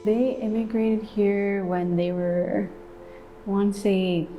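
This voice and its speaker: A woman's voice: mid-range voice, fairly even intonation, takes it slowly, dull audio, soft background music. Young woman from los angeles, casual, lots of "like", mid voice. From Los Angeles, California. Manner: casual, fond of "like". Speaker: interviewee. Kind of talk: personal storytelling.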